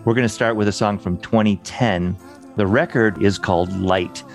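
Deep-voiced male podcast host. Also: steady tone, normal speed, faint music behind. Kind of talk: introducing a song.

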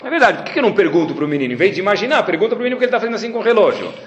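Man, rabbi lecturing, high lively voice, fast talk, echoey room. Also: muffled recording, slight background noise. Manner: animated storytelling, acting out dialogues. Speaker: rabbi teaching a class. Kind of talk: lecture with anecdotes. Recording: roomy echo.

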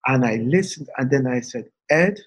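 A man from England, a podcast guest, telling a story with animated, acted-out quotes. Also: a little high, moderate pace, slightly rough, low-quality recording. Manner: animated, acts out quoted voices. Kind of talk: storytelling in a casual interview.

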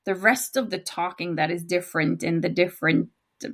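Casual podcast chat comes from a Norwegian co-host with a Norwegian accent, who talks fast, giggles and chats freely. Her voice sits on the low side with fairly even intonation, vocal fry and a fairly bright tone.

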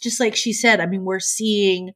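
A woman's voice: medium pitch, fairly even intonation, normal speed, a bit bright. A woman co-hosting a casual news chat podcast, earnest in tone, reading quoted passages aloud. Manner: earnest, reads quotes aloud, gets teary. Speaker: podcast co-host.

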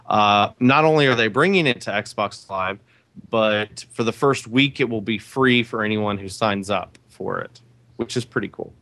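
Guy hosting a gaming podcast, kinda low voice, laughs a lot. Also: fairly bright tone. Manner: laughs often. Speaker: podcast host running the game. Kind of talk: casual podcast chat.

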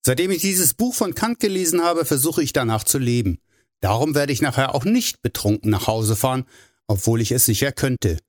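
A man's voice: medium pitch, animated, a little fast, lightly acted. A man voicing a tipsy, stubborn male pilot who talks earnestly and a little sulkily. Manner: sulky, earnest.

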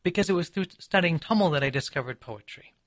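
A man from Seattle, an author and poet being interviewed, who speaks in a measured, reflective way with frequent pauses and ums. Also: fairly high pitch, animated, no room sound. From Seattle, USA. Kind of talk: thoughtful conversational interview.

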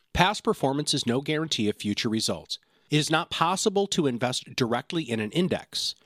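A man reading a formal legal disclaimer in a steady scripted delivery. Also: medium pitch, no room sound, studio quality. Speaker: disclaimer announcer.

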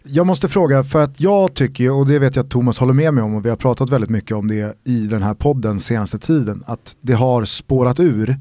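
A man's voice: medium pitch, hardly any pauses, mellow, no echo. A man hosting a podcast who asks his guest direct questions. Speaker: podcast host. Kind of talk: interview conversation.

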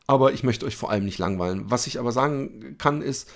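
A man's voice: medium pitch, fast talker, gravelly. A man hosting a solo podcast, talking candidly and openly about his feelings, with many fillers, hesitations and restarts. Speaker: podcast host.

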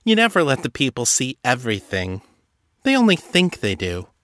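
A man voicing a cold, teasing celebrity actress in a high, breezy, mocking voice. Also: wildly swooping pitch, normal speed, a bit bright, dry recording, clean studio sound.

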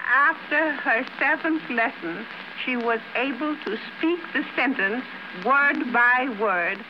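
A woman teacher demonstrating a lesson, explaining slowly and carefully, heard on an old archival recording. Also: high-pitched. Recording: muffled, hissy old recording.

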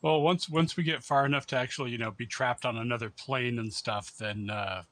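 Male player, mid-pitched, offhand casual asides. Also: fairly even intonation, a little fast, a bit bright. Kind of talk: casual tabletop game chat.

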